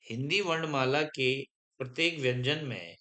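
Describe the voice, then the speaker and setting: A man's voice: medium pitch, pushed and bright. A man teaching a grammar lesson to a class, dictating notes, repeating each point and often stopping to check that students understand. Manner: slow, repetitive, keeps checking understanding.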